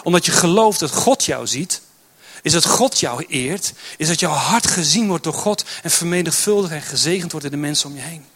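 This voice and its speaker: A man's voice: fairly high pitch, lively intonation, normal speed, a bit bright, slightly rough. A man preaching a sermon in church, pressing his points with emphatic, repeated phrases. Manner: builds to emphatic, repetitive exhortation.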